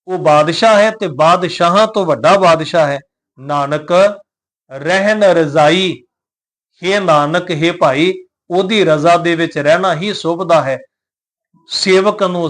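A man with a fairly high voice gives a recitation lesson. He chants verses slowly and measuredly. Between the verses he explains pronunciation patiently and repeats each point. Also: a bit bright. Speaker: scripture teacher.

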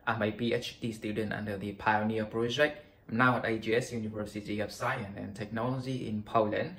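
A man's voice: lowish voice, fairly even intonation, fairly quick, fairly bright tone. A young man from Vietnam, a PhD student, giving a careful scripted introduction in a laboratory. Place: laboratory indoors.

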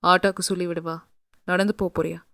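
A woman voicing a man in his forties, speaking softly and intimately in a lowered voice. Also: level tone, a little fast, gravelly, no echo, clean studio sound. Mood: tender.

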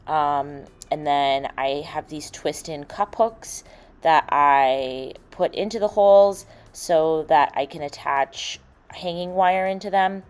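A woman in her thirties hosts a casual room makeover vlog as its host and room designer, chatting and explaining things step by step. Her voice is low-pitched with a darkish tone, and background music plays under it.

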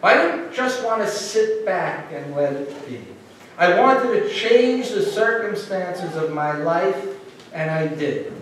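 Middle-aged male minister, light high voice, preaching earnestly with pauses; echoey hall, mic at a distance. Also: lively intonation, a bit bright, a little hiss or hum. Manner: earnest, conversational preaching with pauses and slow emphasis. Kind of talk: sermon. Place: church sanctuary.

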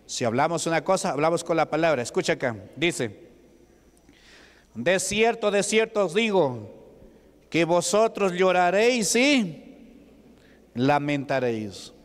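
Brief: male pastor, slow and resonant, quizzes his flock, long church reverb. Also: a little high, lively intonation. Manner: asks the congregation rhetorical questions. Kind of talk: Pentecostal sermon. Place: church hall.

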